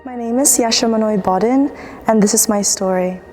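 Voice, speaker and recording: A woman's voice: a little high, moderate pace, a little mellow, soft background music. Young woman student, from the Philippines. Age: young adult. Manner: casual, reflective, with fillers and restarts. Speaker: student athlete. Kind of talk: documentary interview.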